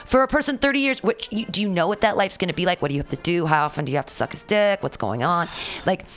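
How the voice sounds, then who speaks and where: A woman's voice: on the low side, animated, quick pace, a bit bright, faint music behind. Frank, crude-joking woman in her forties. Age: 40s. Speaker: podcast co-host. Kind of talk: casual chat.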